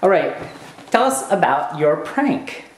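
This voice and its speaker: A woman interviewer briskly prompting her guest to retell a story. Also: deep voice, sing-song, slight background noise. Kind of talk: directing an interview. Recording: echoey room.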